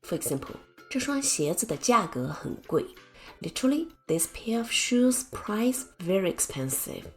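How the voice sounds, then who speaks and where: A woman teacher giving a scripted language lesson, speaking slowly and carefully and explaining with example sentences. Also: mid-range voice, very animated, a little mellow. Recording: faint music behind the voice.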